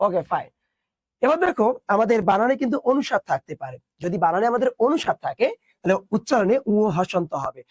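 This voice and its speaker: A man's voice: high-pitched, sing-song, brisk, dry recording. A young man teaching an online class, explaining step by step and asking his students questions.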